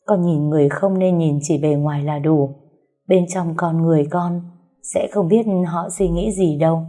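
A firm, caring old grandmother in an audiobook, steady and admonishing, as a woman narrator puts her on. The voice sits low and husky, with a mellow, soft tone. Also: moderate pace, faint music behind.

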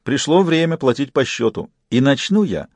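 A man voicing a menacing, triumphant man who has made himself a god, loud and gloating. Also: medium pitch, big pitch swings, normal speed, dry recording.

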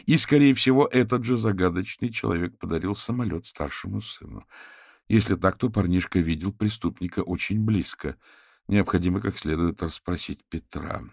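A man narrating a novel as an audiobook, in steady storytelling. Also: deep voice, normal speed, creaky, no room sound, studio quality. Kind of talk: scripted narration.

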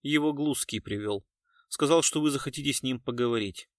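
A man voicing a downcast male railway police officer who speaks in a low, dejected tone. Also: brisk, no room sound, clean studio sound, lightly acted. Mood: glum.

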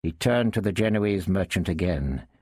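A man narrating a story in a measured, expressive reading. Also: low-pitched, dry recording, clean studio sound.

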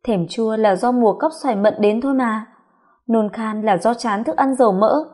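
A woman's voice: on the high side, moderate pace, a little mellow. Woman confiding a first-person story. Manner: confiding, inward, reflective. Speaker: narrator.

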